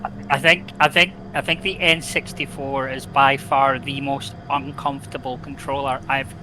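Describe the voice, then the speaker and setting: A man chatting casually as a co-commentator, halting and often repeating words as he goes. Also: mid-range voice, flat delivery. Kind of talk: casual chat. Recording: clearly noisy background.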